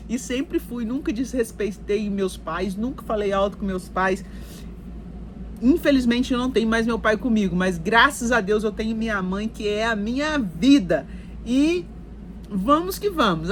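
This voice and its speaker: A woman's voice: medium pitch, a little hiss or hum. A Brazilian woman talking casually to her viewers, telling her life story in a chatty way with lots of fillers and asides. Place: recording while in Canada.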